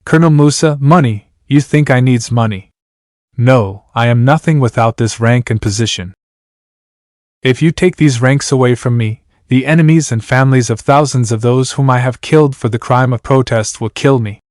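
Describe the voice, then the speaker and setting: A man's voice: medium pitch, moderate pace, a little mellow, dry recording, clean studio sound. A man from Iran narrating his novel aloud, voicing every character in the same plain reading voice and announcing each speaker's name. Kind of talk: flat audiobook narration.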